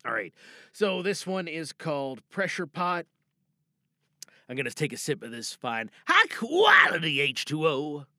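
A podcast host gives a casual, off-the-cuff introduction, rambling and frequently interrupting himself. His voice is on the high side, very animated, bright and forceful, though a little slow. The clean studio sound comes from a small dry booth with no room sound.

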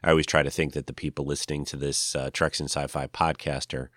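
An older man with a very deep voice hosts a casual podcast on his own. He sounds nasal, congested and worn out with a cold, and he rambles with frequent hesitations. The recording is dry, with little room sound. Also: little pitch movement, a bit bright, no echo. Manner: halting, rambling. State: sick with a cold, tired. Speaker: podcast host. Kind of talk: casual solo podcast talk.

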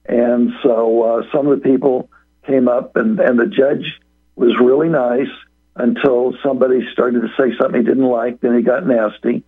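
A man's voice: mid-range voice, level tone, moderate pace, slightly rough. A man calling into a radio talk show, telling a long story in a rambling way and acting out what others said. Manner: rambling, acts out quoted speech. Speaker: guest telling a court story. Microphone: phone call. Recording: tinny phone line.

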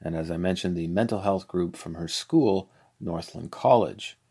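Deep-voiced woman radio host. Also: normal speed, dark tone, breathy edge. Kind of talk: campus radio interview.

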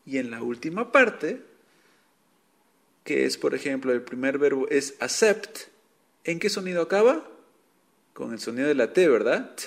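A man's voice: medium pitch, big pitch swings, moderate pace, creaky, long pauses. A man teaching an online language lesson, patiently explaining rules step by step and repeating examples for his students. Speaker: English teacher.

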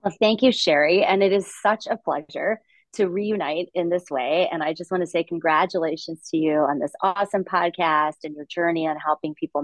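A woman's voice: low-pitched, no room sound. Articulate woman telling her story. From Latvia. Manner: articulate, upbeat storytelling with light laughs. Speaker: podcast guest, investor. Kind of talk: conversational interview.

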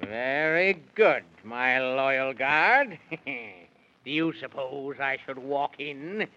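A man's voice: medium pitch, animated, slow, background noise. An actor playing a gloating, vain, tyrannical king in a 1930s radio play, pompous and mocking in rhyme. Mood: gloating, amused. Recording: dull, muffled 1930s radio recording.

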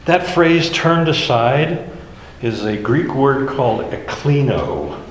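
Slow, lively man teaching scripture. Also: medium pitch. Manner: explains verse by verse, conversational. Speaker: Bible teacher. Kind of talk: Bible study teaching. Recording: echoey hall with faint ambience.

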